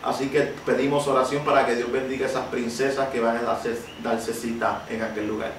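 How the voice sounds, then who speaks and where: A man preaching a sermon with personal testimony, impassioned and emphatic, rising to shouted peaks. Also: medium pitch, level tone, fairly quick, background noise. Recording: very echoey room, voice far from the mic.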